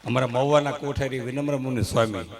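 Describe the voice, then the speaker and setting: A man's voice: medium pitch, quick pace, creaky. A middle-aged man telling jokes and stories on a live stage mic and leading the audience in applause. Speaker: stand-up comedian on stage. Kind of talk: live folk comedy monologue. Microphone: stage microphone.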